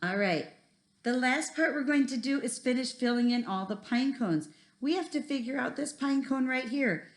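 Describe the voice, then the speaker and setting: A woman's voice: high-pitched, moderate pace. A woman teaching a first grade lesson, talking simply and encouragingly to children like a kids show host. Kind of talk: instructional math video lesson for young children.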